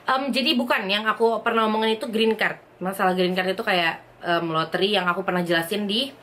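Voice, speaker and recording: This is a young woman vlogging at home in Indonesia, casually chatting as she reads questions from viewers out loud and answers them. She speaks in lively, chatty, quick bursts in a mid-range voice, with a little hiss or hum audible.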